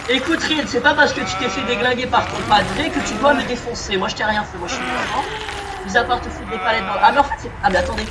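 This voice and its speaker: Very high-pitched and quick, a gamer gives joking, casual commentary and chats with characters in his game over a noisy crowd. The mic is distant, the room echoes, and game music plays.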